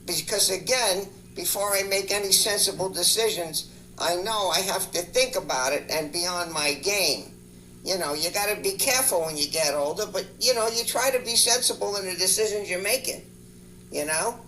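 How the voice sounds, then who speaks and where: A man's voice: high-pitched, normal speed, pushed and bright, recorded from a distance, slight background noise. A man rambling on a prank phone call, hesitant and full of fillers. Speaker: scambaiter.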